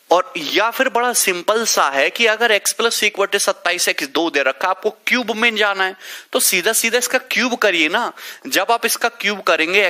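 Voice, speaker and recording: Bright, high-voiced man teaching math. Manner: addresses students by name, teasing and coaxing; talks through sums step by step. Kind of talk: live online math class.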